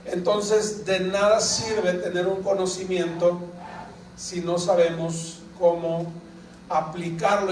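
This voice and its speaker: A man's voice: sits high, a little hiss or hum. A male pastor preaching a sermon, stopping often to ask the congregation questions and prompt their replies. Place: church sanctuary. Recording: echoey church hall, picked up from a distance.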